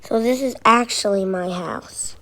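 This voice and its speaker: A woman's voice: fairly high pitch, a little slow. A woman chatting casually as she narrates her own gameplay, thinking aloud and scolding her in-game car. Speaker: gameplay vlogger. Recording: loud game car sounds behind voice.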